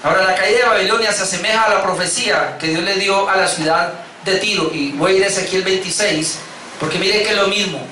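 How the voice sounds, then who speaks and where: A man's voice: sits high, fairly even intonation, fast, pushed and bright, a little hiss or hum. A male pastor with a Colombian Spanish accent preaching, who reads scripture aloud with rising emphasis and adds asides. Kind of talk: expository sermon reading scripture. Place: church hall. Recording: echoey hall, mic at a distance.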